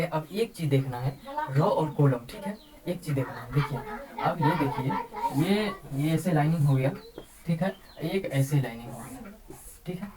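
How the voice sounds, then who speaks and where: A woman teaching a math lesson, explaining slowly and repeating key terms over and over. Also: sits low, poor audio. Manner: repeats words and says "ठीक है" often, slow deliberate explaining. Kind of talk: classroom-style math lesson.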